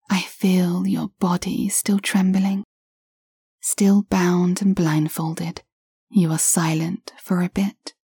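A woman telling a story in a hushed, unhurried whisper, close and intimate. Her voice is low, dark and airy, with a flat, even melody. The sound is dry, with no room around it. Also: breathy edge, dry recording. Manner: soft, slow, intimate whisper throughout. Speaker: narrator. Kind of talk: whispered second-person audio story.

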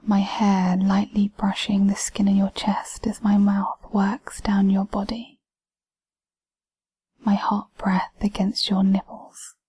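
A woman whispering throughout in an intimate audio roleplay, giving slow, commanding instructions. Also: mid-range voice, completely flat delivery, warm tone, slightly rough.

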